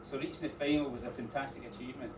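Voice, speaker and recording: A middle-aged man giving an informal wedding speech as father of the bride, rambling a little with pauses and dry teasing asides. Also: medium pitch, fairly even intonation. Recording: echoey room, distant mic, noisy background.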